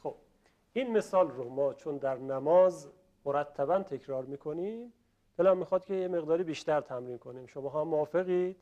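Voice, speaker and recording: A man teaching a class how to pronounce Arabic letters, politely asking students questions and stretching out example words slowly. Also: on the high side, dull audio. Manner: slow, drawn-out model pronunciations. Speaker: Quran recitation teacher. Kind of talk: classroom lesson on letter pronunciation.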